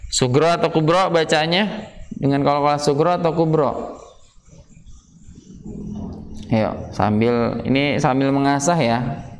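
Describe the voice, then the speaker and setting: Slow, patient man teaching Quran recitation. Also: on the high side, a little hiss or hum. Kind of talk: tajwid lesson in a prayer room. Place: small prayer room. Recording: echoey room with long reverb.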